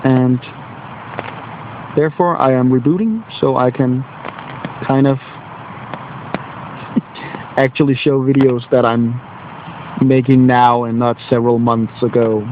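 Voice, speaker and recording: A Danish man with a Danish accent and a slight cold speaks at medium pitch with fairly even intonation and a measured pace, pausing often. He's a teacher and video blogger chatting casually while seated outdoors on a wet bench in nature, rambling, poking fun at himself, and searching for English words. The audio is narrow and tinny, with a noisy background.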